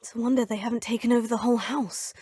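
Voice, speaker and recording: Speaking very fast but with a steady tone, the young witch student from these video game voice clips stays polite and curious, her phrasing formal and polished. Her voice is a touch high and softly breathy, and the close studio mic gives a dry sound with no room noise.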